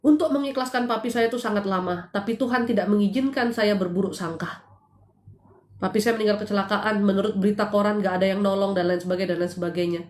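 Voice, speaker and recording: A middle-aged woman from Indonesia hosting a live show, telling a heartfelt personal testimony in a lively storytelling manner with rhetorical questions, at home. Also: medium pitch, fast. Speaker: host giving spiritual consultation. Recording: echoey room.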